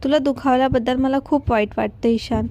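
A shy young wife speaks in a hushed, trembling way in a storybook reading, as a woman voices her. Her voice is fairly high and mellow. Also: steady tone, a little fast. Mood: tearful.

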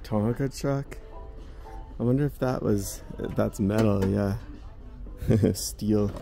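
A vlogger with a low, gravelly voice gives a walking tour of a large indoor department store, filming on a handheld phone as he goes. He talks slowly and mellowly, musing and making chatty remarks to himself. Soft music plays in the background.

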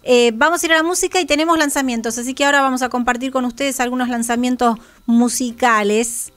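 A woman's voice: high-pitched, fairly even intonation, quick pace, a bit bright. An Argentine woman in her thirties hosting casually on a studio microphone in a small radio studio. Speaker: radio host.

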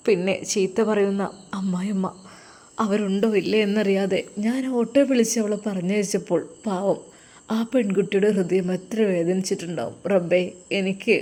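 A woman's voice: mid-range voice, mellow, lightly acted. A woman voicing a young mother left alone at night with her baby, speaking in a sorrowful, pleading monologue.

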